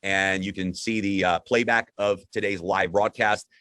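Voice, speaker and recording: Deep-voiced man hosting a live broadcast. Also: steady tone, moderate pace, bright, forceful tone, no echo. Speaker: host. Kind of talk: upbeat live broadcast presentation, conversational.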